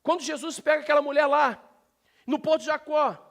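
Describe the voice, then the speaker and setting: Brazilian pastor, male, very high-pitched, lively preaching to his church. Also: fairly quick, creaky. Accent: Brazilian Portuguese. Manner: preaching with sudden loud shouts; animated, talks directly to the congregation. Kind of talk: sermon. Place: church sanctuary.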